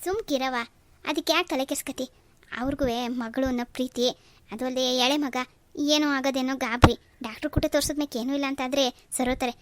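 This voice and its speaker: A voice artist playing a calm older father who consoles his daughter in a cartoon. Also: high-pitched, brisk, a little hiss or hum, lightly acted. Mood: soothing. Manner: soothing, reasoning. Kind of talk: cartoon voice acting.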